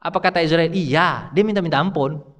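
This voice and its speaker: A man's voice: on the high side, a little fast, fairly bright tone. Preacher man in an echoing mosque. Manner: keeps asking the congregation questions. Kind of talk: mosque sermon, Islamic study class. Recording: long reverb of a mosque hall.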